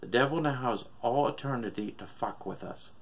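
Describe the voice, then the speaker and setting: A man's voice: medium pitch, moderate pace, close to an everyday voice. A man voicing a sick old father gone mad with doom, preaching bitterly and profanely in a horror story reading. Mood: bitter, ominous.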